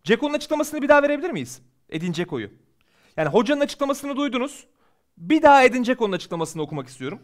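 A man's voice: very high voice, very animated, fast. A man co-hosting a post-match football talk show, agreeable, reading viewer messages. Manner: agreeable, reads viewer comments aloud. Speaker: co-host football pundit. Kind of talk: casual post-match chat. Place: studio.

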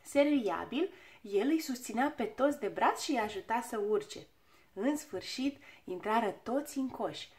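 High-voiced woman reading a children's tale. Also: lively intonation, darkish tone. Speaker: storyteller. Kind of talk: children's audiobook narration.

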